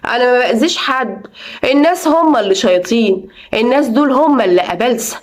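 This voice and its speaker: A woman's voice: on the high side, animated, fast talker, close to an everyday voice. A woman voicing a haughty Egyptian sorceress neighbor. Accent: Egyptian Arabic. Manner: haughty, dismissive. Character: scheming spiteful middle-aged neighbor woman, a sorceress.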